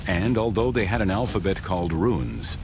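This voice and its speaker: Deep gravelly documentary narrator, man. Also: background noise. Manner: deliberate, expressive storytelling delivery. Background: music.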